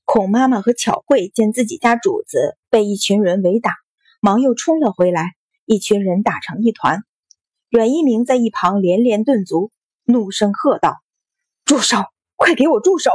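Husky woman reading a story. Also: medium pitch, normal speed, a little mellow, no room sound. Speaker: narrator. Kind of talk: audiobook reading of a period novel.

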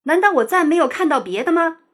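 A woman's voice: a little high, expressive, normal speed, breathy edge. A woman voicing an anxious, fussy old hen in a children's storybook, talking in a fretful, pleading way. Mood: indignant.

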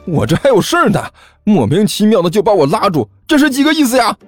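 A man voicing a cheeky male student who loudly plays innocent and protests. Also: high-pitched, wildly swooping pitch, moderate pace, dry recording, faint music behind, voice pushed up, exaggerated voice. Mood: indignant.

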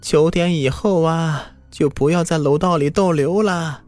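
A man voicing a creepy, raspy old landlady who speaks in curt, ominous warnings, over background music. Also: on the high side, a little slow, darkish tone, no room sound, pitched above the performer's own voice, lightly acted.

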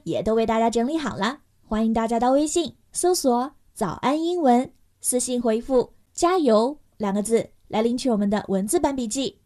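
A woman's voice: a little high, a little mellow, no echo, clean studio sound. Upbeat woman teaching English. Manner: clear, upbeat explanations with slow model readings. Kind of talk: short English lesson.

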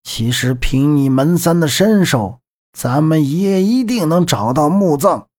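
A man voicing a calm, scheming middle-aged male boss who talks in a measured, persuasive way in an audiobook. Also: on the high side, pitched above the performer's own voice.

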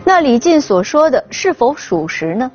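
A woman's voice: sits high, big pitch swings, normal speed, a little mellow. A woman narrating true crime from a script, dramatically posing questions as she tells it. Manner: dramatic, poses rhetorical questions. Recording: dull sound with faint music. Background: faint background music.

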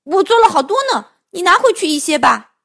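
Woman doing a high, cheerful wolf. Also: sing-song, a little fast, vocal fry, bright, forceful tone, exaggerated voice. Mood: happy. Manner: happy, hospitable. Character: cheerful male wolf who cooks.

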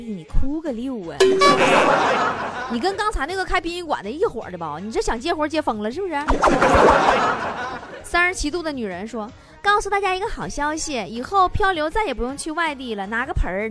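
A woman hosting a comedy podcast, reading listener messages aloud and answering them with teasing, quick wisecracks. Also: high voice, very animated. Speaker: podcast host.

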